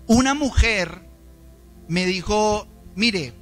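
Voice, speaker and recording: A man's voice: animated, extremely slow, fairly bright tone, soft background music. A man with a Colombian accent preaching a sermon in a church, emphatic and dramatic, often asking the congregation questions. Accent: Colombian Spanish. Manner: dramatic, emphatic delivery with shifting pitch. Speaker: pastor.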